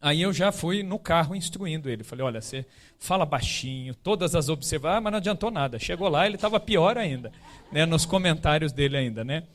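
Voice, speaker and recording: High-voiced man telling stories in a talk. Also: lively intonation, a little fast. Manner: conversational, many tag questions. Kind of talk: storytelling talk to a live group.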